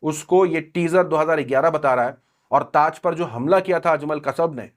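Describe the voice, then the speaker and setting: A man's voice: a little high, normal speed. A man hosting a news commentary channel, running through the headlines in a sarcastic tone.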